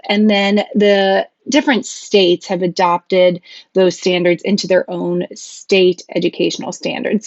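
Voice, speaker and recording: The podcast host here is a woman whose mid-range voice stays earnest and cheerful, punctuated by lots of laughter, as she sets up her topic and guest for a casual interview. It's a dry recording with the highs cut off.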